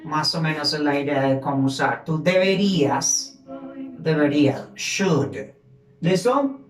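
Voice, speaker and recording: A woman teaching an English grammar lesson, explaining slowly and switching between English and as she drills words. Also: low voice, reverberant, soft background music, low-quality recording.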